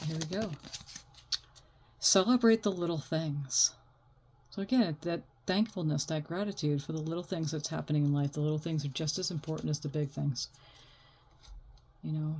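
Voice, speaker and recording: A woman's voice: deep voice, darkish tone. A woman giving an unscripted oracle card reading like a fortune teller, talking in a reassuring, spiritual way.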